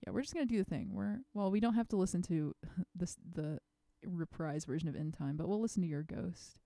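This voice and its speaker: A woman's voice: fairly low pitch, fairly quick, warm tone, no echo, studio quality. A young woman hosting her own livestream, talking over a home streaming mic in a meandering, self-effacing way. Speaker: musician streaming her release party. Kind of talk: casual livestream chat.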